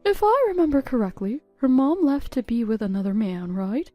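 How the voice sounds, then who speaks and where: A woman's voice: on the high side, lively intonation, normal speed, dark tone, dry recording, faint music behind, natural voice. A woman voicing a chatty middle-aged friend who asks nosy questions. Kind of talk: text-story voice acting.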